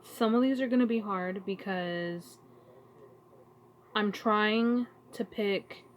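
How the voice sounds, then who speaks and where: A woman talking to her channel in a casual, emotional vlog, halting and searching for words as she grows tearful. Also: mid-range voice, a little hiss or hum. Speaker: vlogger. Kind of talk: casual heartfelt vlog talk.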